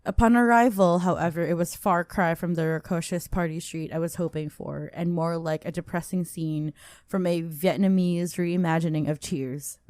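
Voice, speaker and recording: A woman with a slightly low voice, recorded dry and close, reads a listener's story on a podcast. She is casual and giggly, laughing as she goes and tripping over a word now and then. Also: fairly even intonation, moderate pace, darkish tone, no room sound. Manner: giggly, breaks into laughter while reading; casual, stumbles over words and asides. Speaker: podcast host. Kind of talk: reading a listener's story aloud.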